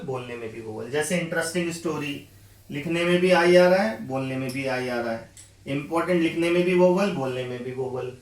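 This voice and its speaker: A man with an Indian accent explains grammar rules patiently and goes over each point more than once. His voice sits fairly high. He is recorded from a distance in an echoey room. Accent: Indian English. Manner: patient, repeats points, addresses students as beta. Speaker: English teacher. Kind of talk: classroom explanation.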